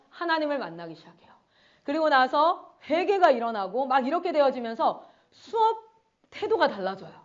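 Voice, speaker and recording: A woman's voice: sits high, highs cut off. A woman missionary giving a conference sermon, telling stories animatedly and acting out her students' voices. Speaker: missionary speaker.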